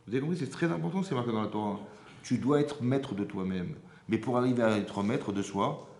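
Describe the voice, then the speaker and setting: A man, a rabbi, giving an informal Torah lesson, animated and often checking with his audience through rhetorical questions. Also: medium pitch. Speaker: rabbi teaching a class. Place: synagogue hall. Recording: roomy hall echo.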